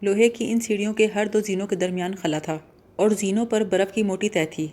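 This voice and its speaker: A woman narrates a novel for an audiobook in a calm, measured way. Her voice is mellow and soft, with a middle pitch.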